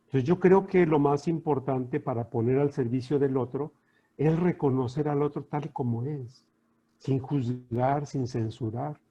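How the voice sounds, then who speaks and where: Man, Mexican accent, middle-aged, coach, calm reflective talk, husky voice, dull webinar audio. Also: mid-range voice, measured pace. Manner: calm, reflective, poses rhetorical questions.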